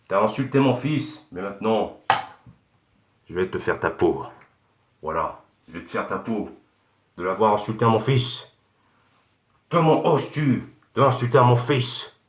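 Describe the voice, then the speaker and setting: A man's voice: on the low side, natural voice. A man playing a ranting Darth Vader. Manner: rambling insulting rant, stumbling with fillers. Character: ranting Darth Vader parody, menacing protective father. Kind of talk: clash video rant. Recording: echoey room.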